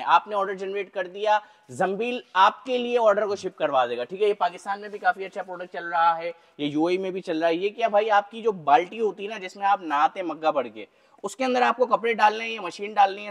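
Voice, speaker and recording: A young man with a high, bright-sounding voice talks fast and salesy, walking through a big indoor warehouse. He keeps tacking on little check-ins as he pitches each item, and a lapel mic keeps his voice close and clear. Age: young adult. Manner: brisk salesy patter, keeps adding "theek hai". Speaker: business vlogger. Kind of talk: walk-through product pitch.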